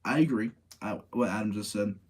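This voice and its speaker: Brisk and lowish, with a slightly rough quality, this man hosts a movie-review livestream. His casual talk wanders through opinionated commentary, and he keeps repeating points for emphasis.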